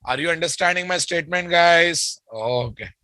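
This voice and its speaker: His voice a little high and pushed bright, a Telugu-accented Indian English software instructor runs a live technical lecture at normal speed, dictating notes, repeating phrases, and quizzing listeners. The recording is dry.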